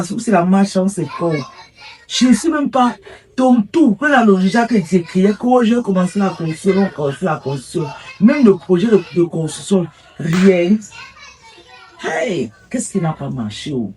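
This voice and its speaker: A woman's voice: fairly low pitch, darkish tone, far from the mic, slight background noise, close to an everyday voice. An actress playing an exasperated woman lamenting that none of her plans for the year came true, with emotional, exclamatory outbursts. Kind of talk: comic-dramatic film acting.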